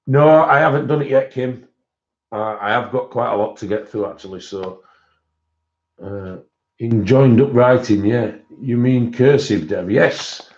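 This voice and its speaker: A man hosts a relaxed live-stream haul and keeps up a loose, rambling chat with his viewers. He speaks at an unhurried pace, with plenty of fillers and self-corrections. The recording sounds slightly dull and lo-fi. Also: medium pitch. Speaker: coloring book channel host.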